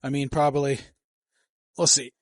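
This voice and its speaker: A man's voice: medium pitch, little pitch movement, moderate pace, no echo. A man talking through his workout in a gym, coaching and rambling casually into a handheld mic, breathing hard between sets. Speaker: fitness vlogger. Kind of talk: casual gym vlog narration.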